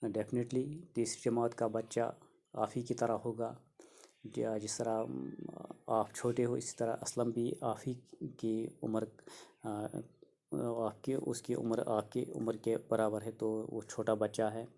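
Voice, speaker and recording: Gravelly flat-voiced teacher explaining slowly. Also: male voice, mid-range voice. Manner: repetitive, restates each sentence simply for children. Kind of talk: explaining a school reader lesson.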